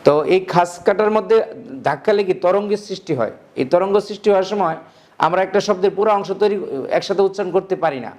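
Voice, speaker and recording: High-voiced man teaching, repeating words. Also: darkish tone. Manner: repeats key words slowly and quizzes the listener. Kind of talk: classroom grammar lesson.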